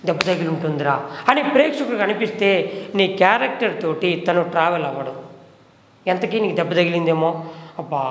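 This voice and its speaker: A man teaching a film acting class, explaining and demonstrating the points he makes. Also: sits high. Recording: roomy hall reverb.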